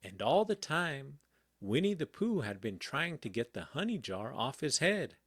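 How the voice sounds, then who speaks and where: A man reading a children's storybook aloud in a calm, gentle bedtime manner. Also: mid-range voice, breathy edge, dry recording, studio quality. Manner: slow, gentle, very expressive. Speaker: audiobook reader.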